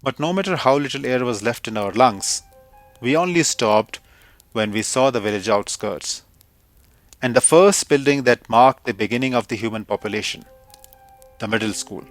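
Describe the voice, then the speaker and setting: A man from India, narrating an audio story in a measured, reflective way. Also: medium pitch, expressive, faint music behind. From India, Kumaon Himalayas.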